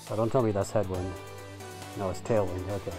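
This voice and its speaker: A man's voice: low voice, steady tone, brisk, over music, rough recording. A man giving casual commentary as he plays a golf game, thinking aloud about wind and shots. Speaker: gaming video host.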